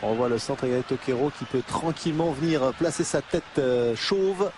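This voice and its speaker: A man's voice: mid-range voice, expressive, normal speed. A man giving live football commentary as second commentator, analysing replays in hesitant, tag-filled phrases. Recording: clear ambient noise behind the voice.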